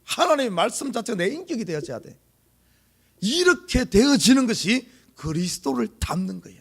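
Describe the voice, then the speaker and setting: A man's voice: high voice, very animated, normal speed, breathy edge. A middle-aged male pastor with a Gyeongsang accent preaching an early-morning sermon, repeating key words for stress and putting rhetorical questions to the congregation. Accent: Gyeongsang Korean. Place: church sanctuary.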